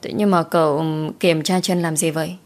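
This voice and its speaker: A woman's voice: sits low, fairly even intonation, moderate pace. A woman voicing a timid young male servant who pleads and stammers when scared.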